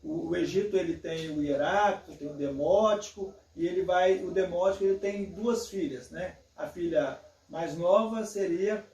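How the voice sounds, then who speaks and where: A pastor hosts the conversation, talking slowly and carefully and checking in with little tag questions. His voice is high yet dark, heard from some distance in a reverberant room. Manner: measured, hesitant, with frequent fillers. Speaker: pastor and host. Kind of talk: casual theological conversation. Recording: echoey room, distant from mic.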